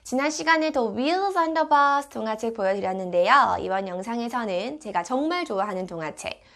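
A woman's voice: a little high, expressive, normal speed, a bit bright. A woman giving polite, encouraging instructional narration about children's picture books, as if for parents and teachers of toddlers.

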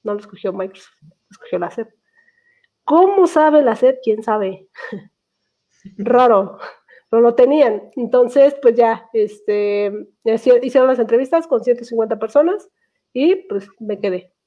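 A woman's voice: fairly high pitch, expressive. Woman with Mexican accent on a tinny call. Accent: Mexican Spanish. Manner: chatty, laughs easily, quick bursts. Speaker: guest speaker. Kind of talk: casual online talk. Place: small room at home. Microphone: headset. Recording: tinny video call audio.

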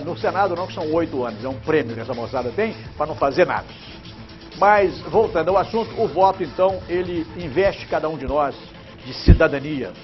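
Emphatic older TV presenter. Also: male voice, a little high, dull audio. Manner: emphatic, chatty, gestures while talking. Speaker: TV news presenter. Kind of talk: animated studio commentary. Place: TV news studio. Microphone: lapel mic.

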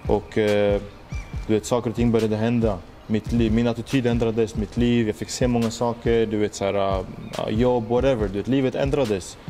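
A man's voice: mid-range voice, mellow. A young man, earnestly reflecting on his life in a personal monologue, full of street slang and "du vet" fillers. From Sweden. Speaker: musician telling his story.

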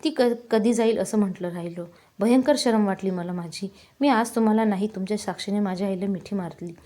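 A woman voicing a remorseful grown daughter, a tearful schoolteacher, in a slow, heavy, confessional way. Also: medium pitch, mellow, natural voice.

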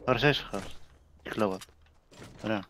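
A young man a lowish voice makes quick casual remarks during a game. His talk is influenced bits of English, over a noisy, clicky voice chat. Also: fairly bright tone. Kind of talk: casual gaming chat in Dutch street slang with English words. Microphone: gaming voice chat.

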